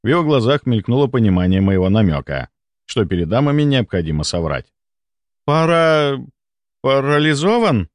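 A man reading a first-person audiobook in an expressive, animated manner. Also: deep voice, fast, no echo. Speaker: audiobook narrator. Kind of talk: scripted first-person narration.

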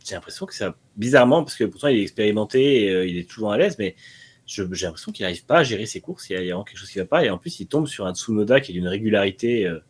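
Analyst, male, lowish and breathy, thoughtful. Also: expressive, very fast. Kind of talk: casual motorsport analysis.

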